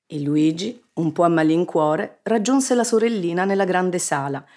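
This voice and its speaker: A woman narrating a children's story in an expressive, measured reading. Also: on the low side. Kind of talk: scripted narration.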